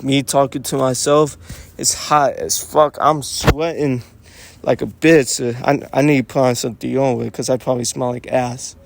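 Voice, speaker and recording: Slow, rambling man musing to himself. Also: medium pitch, gravelly, a little mellow. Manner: rambling and musing, with frequent swearing and restarts. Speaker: vlogger talking to himself. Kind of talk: casual unscripted monologue.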